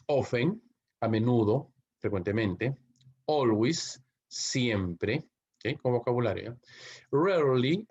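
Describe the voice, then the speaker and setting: A man's voice: fairly low pitch, darkish tone, slightly rough. Peruvian man teaching english grammar. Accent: Peruvian Spanish. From Peru. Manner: constantly checks in with tag questions like ok and no; reads English example sentences slowly, then translates. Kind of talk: Spanish-language English grammar lesson. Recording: dull lo-fi recording.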